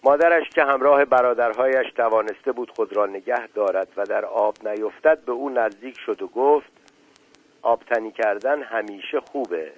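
A man narrating a children's story in an expressive, measured reading. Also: medium pitch, poor audio.

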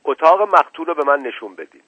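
A man voicing a bossy, suspicious police inspector who shouts his questions, on a dull lo-fi recording. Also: on the high side, lively intonation, dry recording, pitched above the performer's own voice. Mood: commanding. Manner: barking, suspicious, interrogating.

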